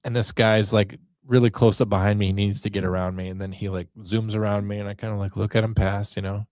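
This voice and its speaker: Man, forties, podcast host, wry self-mocking monologue, low-pitched, dry sound. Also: flat delivery, quick pace, a little mellow, dry recording. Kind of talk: casual comedic monologue.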